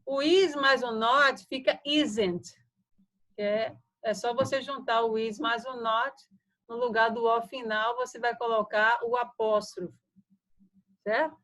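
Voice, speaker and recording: A woman English teacher whose first language is Portuguese walks her students through grammar in an online lesson. Her voice sits a little high, and she explains step by step with a patient, conversational manner, pausing to check that everyone follows. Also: animated, a bit bright, poor audio.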